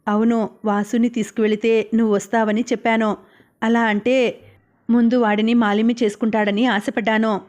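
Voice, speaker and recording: A woman voicing an earnest friend who gently scolds and mediates. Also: on the high side, little pitch movement, moderate pace, lightly acted. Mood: reproachful. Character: calm, reproachful woman friend, patient mediator.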